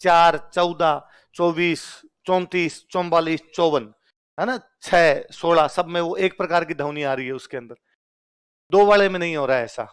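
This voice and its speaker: A man from Rajasthan gives an exam-prep lecture, quizzing listeners in call-and-response style by repeatedly asking questions and answering them himself. His voice is fairly high, smooth, and a little slow.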